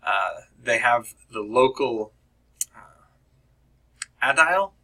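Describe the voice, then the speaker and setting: Slow, halting man reviewing a book. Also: medium pitch, animated, pushed and bright, poor audio. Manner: halting, many fillers and restarts; clears throat often. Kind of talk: casual spoken book review.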